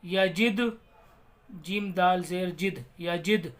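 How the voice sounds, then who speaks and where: A man teaching Quran reading, spelling out letters and vowel marks one by one and then reciting the words slowly and drawn out. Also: sits high, steady tone.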